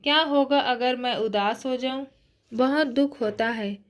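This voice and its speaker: A woman voicing a young heroine who was once a kickboxing champion, speaking softly and plaintively, slow and high. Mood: tearful. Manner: soft, plaintive, sniffling.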